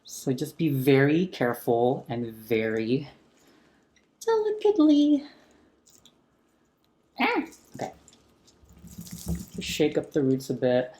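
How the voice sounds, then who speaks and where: A man talking casually while repotting a houseplant at home, gently enthusiastic, speaking into a sensitive close mic turned up for ASMR. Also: medium pitch, a little slow, hardly any pauses. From San Francisco area. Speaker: plant vlogger. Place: home room with a chandelier.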